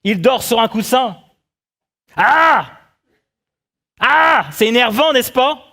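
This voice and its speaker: A man preaching a sermon as pastor, animated and full of rhetorical questions to his congregation. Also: extremely high pitch, moderate pace. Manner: acts out the quotes he tells.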